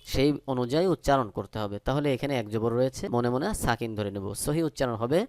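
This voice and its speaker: A man teaching Quran recitation in Bengali-accented speech. He spells each letter and vowel mark, then recites the words slowly. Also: medium pitch, a little mellow, smooth, dry recording, clean studio sound. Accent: Bangladeshi Bengali. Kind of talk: step-by-step recitation lesson.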